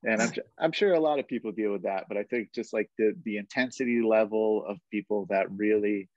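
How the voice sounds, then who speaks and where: A man with a lowish voice hosts a podcast in easy, rambling conversation and keeps leaning on "like" as he goes. The sound is dry and close, with a slightly dull, muffled top end. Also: a little fast, no echo. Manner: rambling, heavy use of "like", relaxed. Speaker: podcast host. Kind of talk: casual interview chat.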